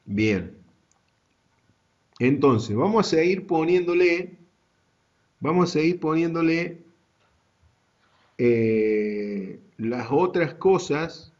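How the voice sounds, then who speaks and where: Un hombre con acento argentino que da una clase universitaria en línea, explicando con calma y paso a paso. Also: male voice, on the high side, lo-fi sound. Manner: slow, deliberate explaining to students. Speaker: university GIS teacher. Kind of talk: online class lecture.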